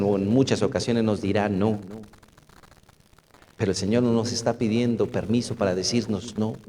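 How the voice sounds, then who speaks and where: A middle-aged pastor preaches to his congregation, pausing on rhetorical questions and coming back to "my brothers" again and again. His voice sits at an ordinary man's pitch. The sound rings with the long reverb of a church hall. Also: darkish tone, slight background noise. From Colombia. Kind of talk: sermon. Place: church hall with about fifty or sixty people.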